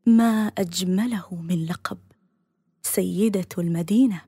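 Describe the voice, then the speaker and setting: A woman narrating a dramatic story in a soft, half-whispered delivery. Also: lowish voice, measured pace, slightly rough, no echo, studio quality.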